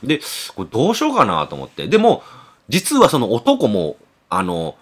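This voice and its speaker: A man's voice: huge pitch swings, moderate pace, slightly rough. A man telling a story casually on a comedy podcast, acting out each character's lines. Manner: acts out characters' dialogue with big swings in pitch.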